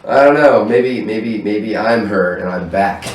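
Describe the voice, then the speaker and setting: This stage manager, a guest on a casual interview, has a lowish, slightly bright voice and chats loosely from his apartment room, cursing freely and often breaking into laughter. Sitting far from the microphone, he sounds echoey in the roomy space.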